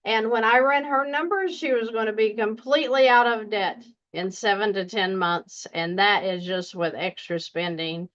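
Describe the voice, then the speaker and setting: A woman's voice: medium pitch, fairly bright tone, muffled recording. A woman with a Southern US accent, a debt coach giving folksy, emphatic advice straight to her viewers. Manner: folksy, emphatic, deliberately slow. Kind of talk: casual direct-to-camera advice.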